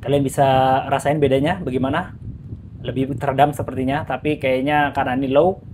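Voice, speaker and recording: A man's voice: mid-range voice, fairly even intonation, brisk, background noise. A man casually demoing a gadget for viewers indoors, talking with an electric fan blowing into his mic. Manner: chatty, addresses viewers directly. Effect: speaking with an electric fan blowing into the mic. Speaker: gadget reviewer. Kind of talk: casual product demo. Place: indoors in a room. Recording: loud fan whir on a clip-on mic.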